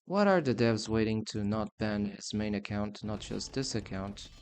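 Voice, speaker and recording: A man's voice: lowish voice, normal speed, darkish tone. A man streaming live gameplay commentary, sarcastic and complaining as he plays.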